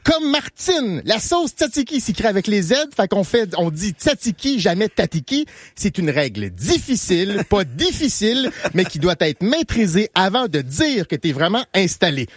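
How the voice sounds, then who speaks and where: A radio host with a Québécois accent runs a comic mock lesson from the studio, mock-teacherly and amused. The voice is somewhat husky and lively in pitch, bouncing up and down between examples. Laughter keeps slipping into the explanations. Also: normal speed, hardly any pauses, no room sound. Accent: Québécois French. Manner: playful, mock-teacherly, laughing through the rules.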